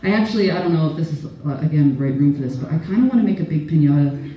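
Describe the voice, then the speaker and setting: A woman's voice: low voice, animated, rapid-fire, highs cut off. Rambling Canadian woman doing stand-up. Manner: rambling, self-deprecating, laughs at own jokes. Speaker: stand-up comedian. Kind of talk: stand-up comedy set. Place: event venue, audience laughter behind. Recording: echoey room from far off.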